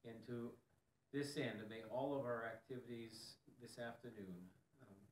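A man, a pastor, leading an opening prayer in a measured, reverent way. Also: medium pitch, steady tone. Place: church fellowship hall. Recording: distant mic in echoey hall, faint room noise.

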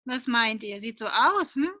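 A woman reading a picture book aloud to children, lively and asking them questions along the way. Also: fairly high pitch, a little slow.

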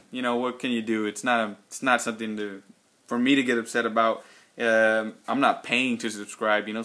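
Texan man, fragrance vlogger, bright forward tone, unscripted and rambling with lots of ums. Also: medium pitch. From Texas. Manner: rambling, many ums and restarts. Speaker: fragrance reviewer. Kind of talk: casual unscripted vlog response.

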